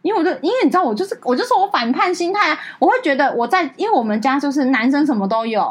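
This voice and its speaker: Fast-talking woman telling a personal story. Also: high voice. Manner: animated storytelling, acts out quoted dialogue. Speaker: podcast co-host. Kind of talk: casual chat.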